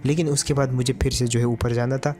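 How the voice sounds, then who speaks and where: A man's voice: medium pitch, steady tone, quick pace, dark tone, soft background music. A man giving casual commentary over a mobile game match, chatty and addressing his viewers as brother.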